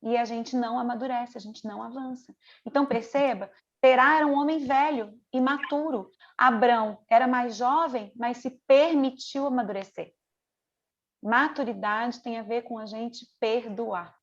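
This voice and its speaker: Woman mentor, middle-aged, high bright voice, earnest teaching manner, dull lo-fi call sound. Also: moderate pace. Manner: earnest, conversational, piles up rhetorical questions. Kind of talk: online mentoring lesson.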